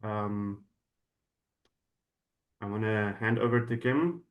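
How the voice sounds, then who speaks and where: A man's voice: on the low side, steady tone, slow, phone-quality sound. A man acting as host, introducing a guest speaker in an informal workshop setting. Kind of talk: introduction, partly read, then halting informal welcome.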